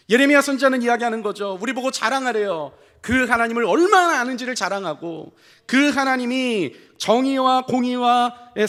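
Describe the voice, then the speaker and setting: High-voiced, lively male pastor preaching. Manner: animated preaching with rhetorical questions and frequent affirming fillers. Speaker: senior pastor. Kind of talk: sermon. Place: church sanctuary. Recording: long church hall reverb.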